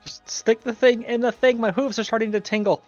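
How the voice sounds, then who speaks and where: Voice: mid-range voice, steady tone, brisk, no echo, lo-fi sound, soft background music. A player in a tabletop fantasy game, bantering casually with the group.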